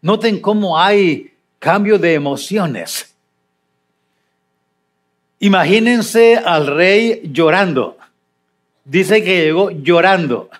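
An older male pastor delivering a sermon in a fairly high voice. He speaks slowly and deliberately, reading scripture before commenting on it. His delivery is dramatic, rising to loud emphasis and then falling back to quiet asides. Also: lively intonation.

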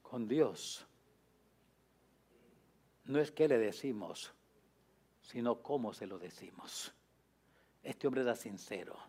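A man preaching a sermon in an emphatic way, repeating key phrases and often dropping to a low, soft voice. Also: lively intonation, slow pace, pauses often, slightly rough.

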